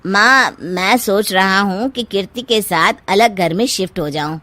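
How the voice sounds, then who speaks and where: A woman's voice: medium pitch, unhurried, bright, forceful tone, no room sound. A woman plays a young cartoon husband, henpecked and easily swayed. It is a pliant, favored-son voice, recorded close and dry. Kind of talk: Hindi moral cartoon voice acting.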